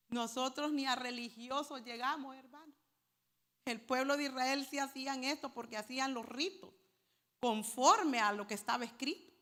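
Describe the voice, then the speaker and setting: A woman's voice: sits high, fairly bright tone. A woman preacher delivering a sermon to her congregation, calling them brothers and explaining Hebrew words for holy. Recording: hall reverb.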